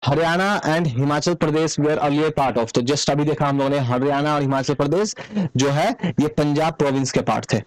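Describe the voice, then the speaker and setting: A man teaching an exam-prep lesson, explaining each answer step by step and repeating the key points. His voice sits a little high and comes across smooth and clean. The recording is dry and close, with no room sound. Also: moderate pace, no room sound, poor audio. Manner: mixes English terms into Hindi.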